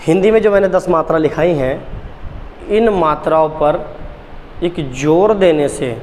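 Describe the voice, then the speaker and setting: A man's voice: on the high side, darkish tone, big-room sound, a little hiss or hum. A man teaching Hindi grammar at a board, repeating key points and quizzing the class with questions. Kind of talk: blackboard lesson.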